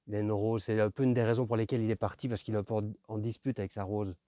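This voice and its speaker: Mellow man reading a children's book aloud. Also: on the low side, little pitch movement, no echo, clean studio sound. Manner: informal, pauses to explain the story in his own words. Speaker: reader.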